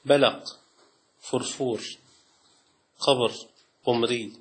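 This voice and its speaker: A man, a sheikh teaching Islamic law in a classroom lecture. He reads lists aloud from a text and breaks off into quick colloquial asides. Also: medium pitch, fairly even intonation.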